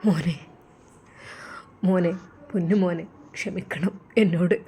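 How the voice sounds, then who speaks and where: A woman's voice: mid-range voice, normal speed, slight background noise, natural voice. Woman doing a weeping remorseful old man. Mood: tearful. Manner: tearful, pleading, hushed.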